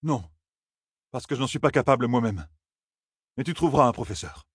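A man voicing a steady young man who speaks gently but firmly. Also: medium pitch, a little fast, breathy edge, dry recording, studio quality, voice pushed up.

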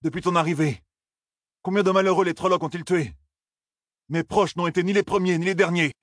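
Guy doing a hoarse bitter knight in a storybook, pitched up high, full of scorn. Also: steady tone, fairly quick, no echo, clean studio sound, lightly acted. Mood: scornful. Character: bitter vengeful male knight officer, accusing.

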